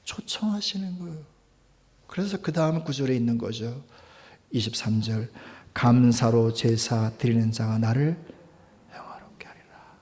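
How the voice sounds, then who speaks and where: A male pastor delivering a Sunday sermon in a chatty style, asking his listeners questions and swinging from loud emphasis to hushed, near-whispered asides. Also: medium pitch, moderate pace. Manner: conversational preaching with frequent rhetorical questions. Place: church service.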